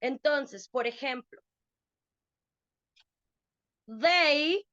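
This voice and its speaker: A woman's voice: high-pitched, animated, extremely slow, sharp tone, dry recording, muffled recording. A woman teaching an online English class to adults, patiently explaining and checking understanding.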